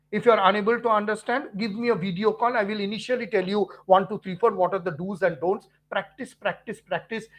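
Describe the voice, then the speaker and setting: A man's voice: sits high, fairly bright tone. A middle-aged man with an Indian English accent, hosting a casual live question session for his students, earnest and repetitive, with many fillers and restarts. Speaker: physics teacher hosting a live stream.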